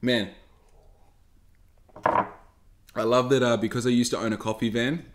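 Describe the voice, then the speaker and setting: A man's voice: medium pitch, fairly even intonation, a little slow, noisy background. A young Australian man hosting a solo podcast, ranting sarcastically and swearing freely. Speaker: podcast host. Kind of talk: casual solo podcast rant.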